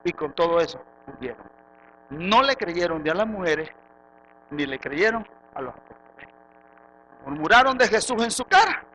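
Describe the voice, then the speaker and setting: A Venezuelan man preaches a church sermon in a high, piercingly bright voice. He drops into quiet asides, then rises to loud rhetorical questions. A faint background hiss sits under the voice. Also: lively intonation, normal speed, pauses often, low-quality recording. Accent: Venezuelan Spanish. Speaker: pastor. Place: church sanctuary.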